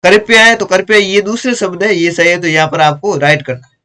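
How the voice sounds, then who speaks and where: A man's voice: high-pitched, steady tone, fairly quick, pushed and bright. A male teacher patiently going through workbook exercises step by step, explaining corrections. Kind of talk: workbook lesson walkthrough.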